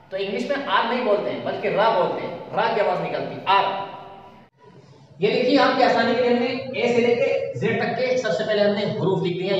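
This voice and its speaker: A man teaching English letters at a board, slowly repeating each letter several times. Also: sits high. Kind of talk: classroom lesson at a board. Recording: very echoey hall, far from mic, dull lo-fi.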